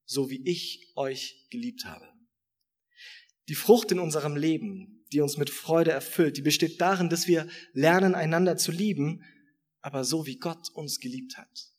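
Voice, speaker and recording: A man giving a sermon in a relaxed, conversational way that turns reflective. His voice is a bit husky and sits slightly higher than usual. He stresses his points by repeating phrases. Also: moderate pace. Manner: reflective, conversational preaching with emphatic repetition. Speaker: preacher.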